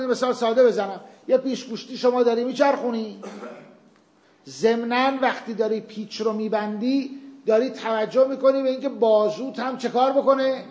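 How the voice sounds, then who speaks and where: A man's voice: high-pitched, darkish tone, reverberant. A man teaching a seminary class, explaining a point patiently with everyday examples and asking and answering his own questions. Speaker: teacher of Islamic legal theory. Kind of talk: seminary lecture with class discussion.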